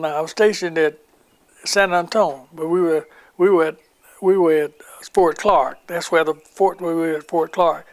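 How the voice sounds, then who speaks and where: In an oral history interview, an older man with a high-pitched voice reminisces about his wartime army days. He rambles and performs the voices of the people he quotes.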